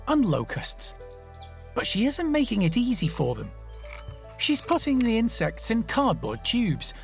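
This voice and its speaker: A documentary narrator reading scripted nature documentary narration about animals. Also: medium pitch.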